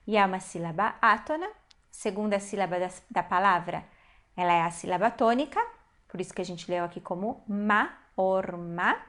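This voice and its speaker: A woman teaching a Hebrew reading lesson, explaining patiently step by step and slowing down to spell out syllables. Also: medium pitch, fairly bright tone. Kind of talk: online language lesson.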